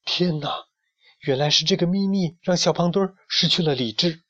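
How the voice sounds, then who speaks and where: A gentle hen in a children's storybook, soothing a friend in soft tones, as a male storyteller puts her on. The sound is dry and muffled. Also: medium pitch, lively intonation, normal speed, breathy edge, no echo, pitched above the performer's own voice. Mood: surprised. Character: gentle caring hen, calm and kind. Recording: dull lo-fi recording.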